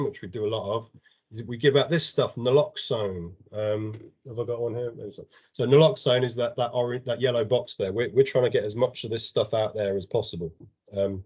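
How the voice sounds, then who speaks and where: A man giving an informal drug and alcohol awareness training over a video call, explaining plainly and often restarting his words. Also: on the low side. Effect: heard over a video call. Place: home or office on an online meeting. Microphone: computer or headset mic on a video call.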